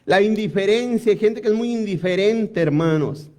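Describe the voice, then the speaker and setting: A man's voice: sits high, normal speed, dark tone. A male preacher delivering a sermon, often calling his listeners brothers and breaking off into asides and restarts.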